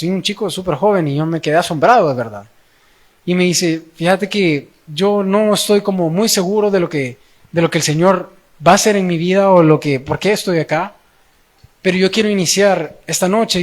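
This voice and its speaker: A young man with a Salvadoran accent telling a personal testimony in a sermon, using casual slang and acting out dialogue. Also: high-pitched. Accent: Salvadoran Spanish. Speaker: young preacher.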